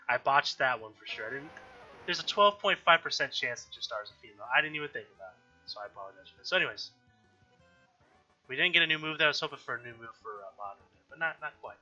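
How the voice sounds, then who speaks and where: Expressive and fast-talking, this mid-range male voice sounds pushed and bright, with a slightly nasal, allergy-clogged quality. He hosts a let's-play video, chatting casually about the game and frequently correcting himself and clearing his throat. Faint music plays behind a dull, lo-fi recording.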